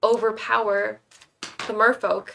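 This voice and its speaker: A woman's voice: mid-range voice, little pitch movement, a little slow, creaky, sharp tone, slight background noise. A woman playing a tabletop game, chatting playfully with the group. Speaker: player.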